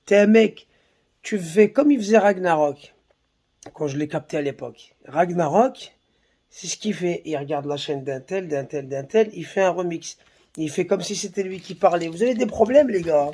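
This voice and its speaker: A man's voice: sits high, normal speed, warm tone. A man on his own channel in a heated, mocking rant full of slang and swearing. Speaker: YouTuber. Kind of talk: heated insulting rant to camera.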